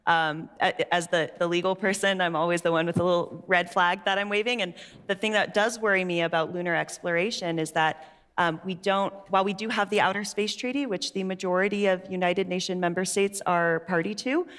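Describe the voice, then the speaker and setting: A woman's voice: fairly low pitch, steady tone, fairly quick, fairly bright tone, clean tone. A young woman speaking as a panelist on a conference stage into a headset mic, articulate and enthusiastic. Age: young adult. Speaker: panelist, research intern. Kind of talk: panel discussion.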